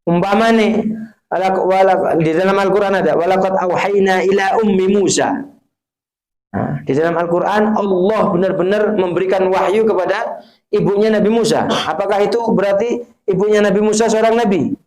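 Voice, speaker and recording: A high-pitched man with an East Javanese accent delivers a sermon to a live audience. He recites Arabic verses, slips into Javanese, and keeps throwing questions at his listeners. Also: moderate pace, darkish tone, poor audio. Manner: mixes Javanese phrases and Arabic quotations, asks the audience rhetorical questions. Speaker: preacher.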